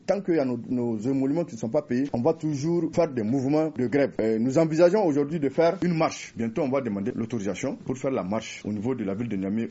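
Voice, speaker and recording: A man's voice: medium pitch, warm tone, slightly rough. A man speaking as a union coordinator in an interview, insistent and combative. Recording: dull lo-fi recording.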